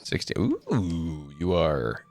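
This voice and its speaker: A man's voice: rumbling low, very animated, slow, vocal fry, a little mellow. A man as dungeon master of an online tabletop game, chatty and a little disorganized, laughing often.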